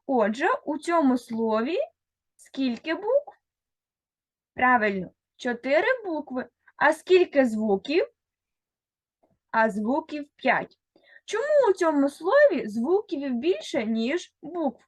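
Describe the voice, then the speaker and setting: Woman, primary teacher; high, very animated delivery, slow and deliberate; breaks words into sounds for young children. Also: no room sound. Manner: speaks directly to one child, pausing for answers. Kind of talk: recorded reading lesson for first graders.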